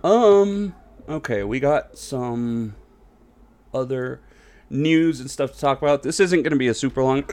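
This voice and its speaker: A man's voice: mid-range voice, a little slow, a little mellow. A man co-hosting a casual wrestling podcast, rambling and asking questions, with the hiccups. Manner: rambling, asks questions, trails off. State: has the hiccups. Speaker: podcast co-host.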